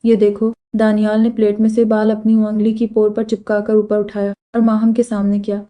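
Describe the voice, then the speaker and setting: A woman narrating a romance novel aloud in an even, steady storytelling voice. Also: mid-range voice, a little fast, dull audio. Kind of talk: scripted novel reading.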